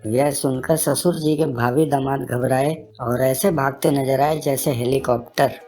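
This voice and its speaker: A man narrating a string of comic jokes with steady storytelling lead-ins. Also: medium pitch, unhurried. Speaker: joke teller. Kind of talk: scripted comic joke narration. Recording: faint background music.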